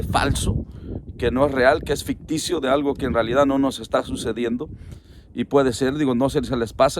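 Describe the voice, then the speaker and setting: A man's voice: mid-range voice, darkish tone, slight background noise. A middle-aged man, a pastor preaching a sermon in an earnest, pleading way, speaking straight to the listener.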